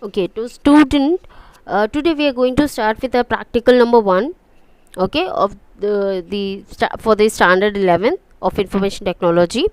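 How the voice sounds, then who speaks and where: A woman's voice: mid-range voice, moderate pace, clean tone, no room sound, rough recording. A woman with an Indian English accent teaching an online computer class, explaining step by step and often checking "okay?" with her students. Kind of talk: online lecture.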